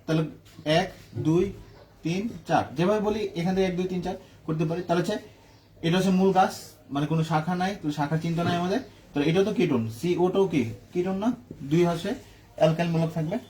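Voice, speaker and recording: High-voiced man teaching a lesson. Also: fairly even intonation, fast, darkish tone. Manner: asks questions and answers them himself, checking "ঠিক আছে?". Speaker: chemistry teacher. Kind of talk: classroom lecture.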